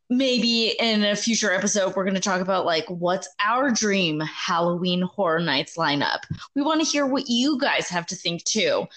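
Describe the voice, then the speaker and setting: A woman's voice: on the high side, a bit bright. A woman co-hosting a podcast, upbeat and speaking straight to the listeners. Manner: upbeat, addresses listeners directly. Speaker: podcast co-host. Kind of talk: casual podcast chat.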